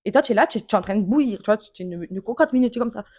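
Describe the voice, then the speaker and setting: A woman's voice: on the high side, animated, rapid-fire, darkish tone, husky. A young woman talking candidly and emotionally in a personal vlog, informal and blunt, with slang and the odd swear word. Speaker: vlogger.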